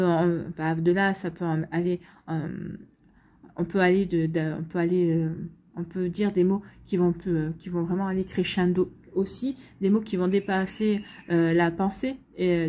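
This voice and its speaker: This woman's voice sits on the low side and sounds mellow. A tarot and astrology reader, she gives a weekly guidance reading directly to viewers in a conversational, hesitant style with frequent fillers and repeated words.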